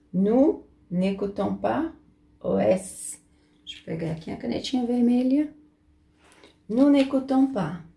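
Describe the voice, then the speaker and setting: Slow, patient woman teaching French. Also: medium pitch, vocal fry, mellow. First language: Portuguese. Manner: patient, repeats each point carefully. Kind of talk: slow explanatory lesson.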